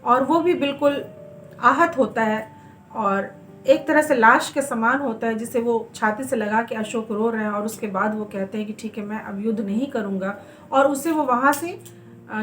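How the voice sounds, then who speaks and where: A woman hosting her channel, reading a stage play aloud with a measured storytelling delivery. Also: on the high side, fairly bright tone, a little hiss or hum. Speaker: channel host and reader.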